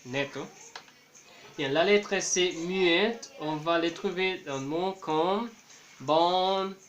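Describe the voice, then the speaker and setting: Male language tutor, unhurried and deliberate, explains and repeats words for practice. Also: high-pitched, a bit bright, muffled recording. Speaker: French teacher. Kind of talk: bilingual language lesson.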